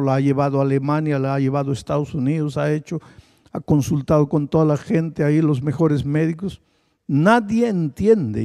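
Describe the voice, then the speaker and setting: A male pastor preaching a sermon, telling a story and building to loud, impassioned appeals. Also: on the high side, creaky. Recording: long hall reverb.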